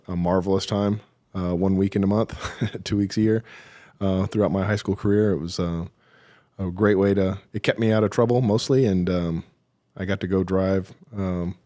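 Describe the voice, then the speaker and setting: A middle-aged man with a low, darkish voice tells the story of his military career as an interview guest. His humor is dry and self-deprecating, and he often pauses with fillers while gathering his thoughts in this relaxed storytelling.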